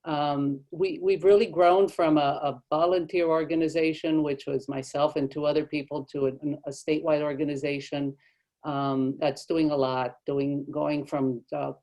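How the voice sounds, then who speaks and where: Middle-aged arts director from Mexico, warm, halting roundtable speaker. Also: female voice, low voice, flat delivery. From born in Mexico, raised in Texas. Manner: warm, halting, with many restarts. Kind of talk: roundtable discussion.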